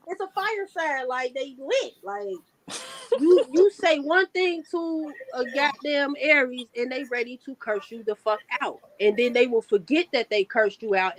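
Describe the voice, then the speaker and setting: A woman in casual group chat, animated and teasing, laughing often. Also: a little high, rough recording.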